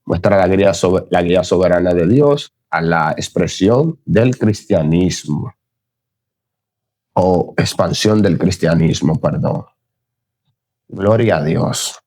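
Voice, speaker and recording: A man's voice: low voice, a little mellow, no room sound. A man giving a recorded Bible lesson in an earnest, unscripted way, often praising God and stopping to correct his own slips. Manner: earnest, exclaims "Gloria a Dios", stumbles and corrects himself. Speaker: Bible teacher.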